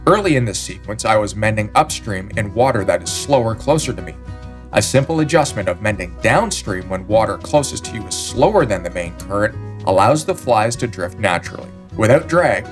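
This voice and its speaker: A man gives a scripted voice-over for a fishing show, his voice low and steady. He explains the technique calmly and plainly. Faint music runs underneath. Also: fairly quick. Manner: calm, explanatory. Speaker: show narrator.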